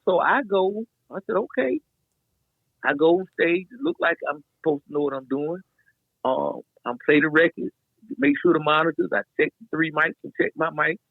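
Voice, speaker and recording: A middle-aged man, a guest DJ, telling a story in a loose, animated way, full of slang and fillers. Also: fairly high pitch, brisk, gravelly, no echo. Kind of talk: casual storytelling in a podcast interview. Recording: dry, tinny phone-like sound.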